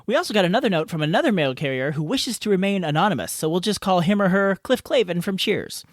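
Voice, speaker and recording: A man's voice: high-pitched, lively intonation, fast talker, dry recording. A man hosting a podcast, recording playful, self-mocking outtakes in a hot home garage. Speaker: podcast host. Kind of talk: outtakes, joking self-talk.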